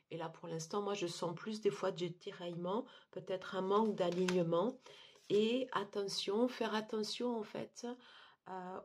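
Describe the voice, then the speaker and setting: A woman giving a monthly tarot card reading, talking haltingly with many fillers and restarts. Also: mid-range voice, a little mellow, breathy edge. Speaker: tarot reader.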